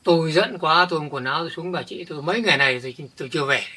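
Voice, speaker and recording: Guy doing older village dude kicked out by his jealous wife, stammery, bright edgy voice. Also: on the high side, slightly rough. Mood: weary. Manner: halting, repeats words when upset. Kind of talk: village family drama acting.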